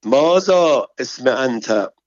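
A man reading a story, voicing a nosy and vengeful palace woman who speaks slow, heavily stressed broken Arabic. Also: medium pitch, lively intonation, dry recording, voice pushed up, natural voice. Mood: prying. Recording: dull, dry recording.

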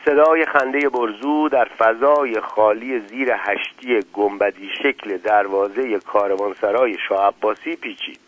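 A man narrating a story in a measured, descriptive reading. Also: mid-range voice, no room sound. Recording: tinny phone-like, dry.

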